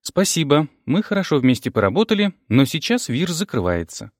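A man reading an audiobook, voicing a calm, firm woman boss. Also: on the high side, fairly quick, no room sound, clean studio sound, pitched above the performer's own voice. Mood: cool.

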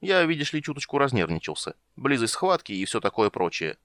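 A man voicing a fussy, scatterbrained old wizard who wheedles, scolds and yelps in a high, jumpy voice. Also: lively intonation, brisk, a bit bright, no room sound. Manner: flustered, wheedling, cackling.

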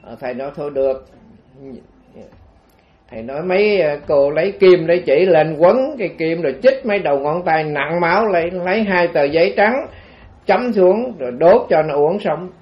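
High-voiced Southern Vietnamese monk storytelling. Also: male voice, expressive, brisk, dull audio. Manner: rambling, conversational, addresses the audience directly. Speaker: Buddhist monk teacher. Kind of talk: storytelling dharma talk.

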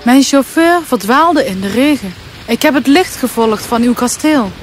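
Actrice als beleefd jong sprookjesmeisje, zachtaardig, hoge stem, muziek, regen en onweer. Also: female voice, sits high, expressive, moderate pace, over music. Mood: polite, pleading. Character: gracious young girl with a lovely voice. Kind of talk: storybook voice acting.

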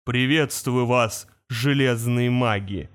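A man voicing an ancient male creature of stone and fire, speaking slowly and ominously. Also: mid-range voice, clear, resonant tone, lightly acted. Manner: slow, solemn, ominous.

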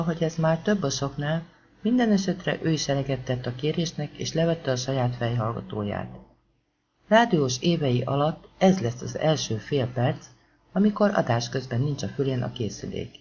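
A man reading an audiobook in a steady, measured storytelling manner. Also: on the high side. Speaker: audiobook narrator. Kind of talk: scripted audiobook narration. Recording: dull lo-fi audiobook recording.

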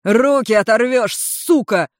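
A storyteller voicing a foul-mouthed, furious male dragon in human form who yells and curses. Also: mid-range voice, takes it slowly, no room sound, studio quality, voice pushed up, natural voice. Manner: shouting, cursing.

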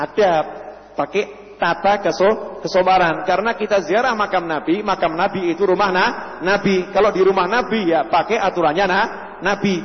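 Man, preacher, high voice, sermon with acted-out stories, dull lo-fi recording, long hall reverb. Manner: storytelling preacher, acts out quoted voices, stretches words.

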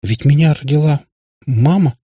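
A man's voice: on the high side, fairly quick, darkish tone, breathy edge, dry recording, clean studio sound, pitched above the performer's own voice. Man doing a timid frightened little girl. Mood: timid, pleading. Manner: stammering, pleading.

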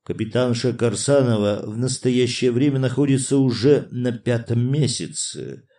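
A man's voice: mid-range voice, normal speed, dark tone, lightly acted. A man reading an audiobook, voicing a nervous young officer who speaks hesitantly and formally. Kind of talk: audiobook character voice.

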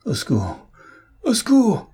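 A man voicing a tortured captive who pleads in a hoarse, stammering voice in an audiobook reading. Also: medium pitch, takes it slowly, dark tone. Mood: agonized pleading. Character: tortured man, gasping and broken.

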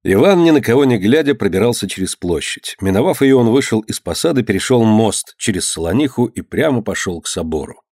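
A man's voice: on the low side, fairly quick, hardly any pauses, dry recording, clean studio sound. A man narrating a historical novel in a storyteller's manner. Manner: expressive storytelling, acts out characters. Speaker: audiobook narrator.

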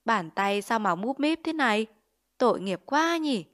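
A woman's voice: mid-range voice, moderate pace, lightly acted. A woman voicing a greedy, bullying male village chief who sneers and makes threats in a Vietnamese storybook reading. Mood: sly. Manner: blustering, sneering, extorting.

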